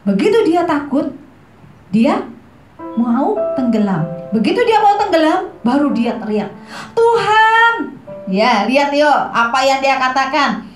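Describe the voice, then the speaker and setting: A woman's voice: high voice, measured pace, roomy sound, soft background music. A woman teaching children in a Sunday school, telling a Bible story and acting out the voices as she goes. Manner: lively storytelling, acting out voices, asking kids questions.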